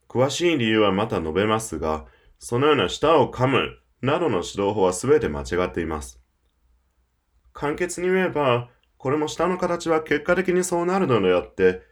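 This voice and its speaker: A man presenting a scripted audio lecture for English learners, persuasive and emphatic, speaking straight to the listener. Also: medium pitch.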